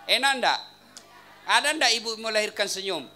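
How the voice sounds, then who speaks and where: A man's voice: high-pitched, expressive, normal speed, sharp tone, a little hiss or hum. A man preaching a humorous sermon at a religious gathering in a home, teasing the crowd and firing questions at them. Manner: teasing, quizzes the audience.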